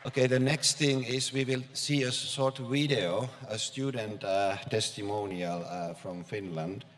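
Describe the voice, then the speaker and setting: Low-voiced male panel moderator. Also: steady tone, a little slow.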